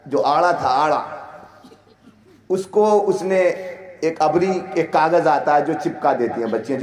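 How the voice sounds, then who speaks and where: A man delivers a passionate sermon in a fairly high voice. He drops into rustic village speech to act out his stories and climbs to loud shouts. The sound rings with the echo of a large hall. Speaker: preacher. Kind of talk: fiery sermon.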